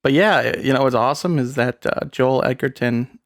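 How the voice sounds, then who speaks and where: A man's voice: mid-range voice, normal speed, no room sound. A young man hosting a podcast in a casual chat, leading the segments with dry teasing. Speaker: podcast host.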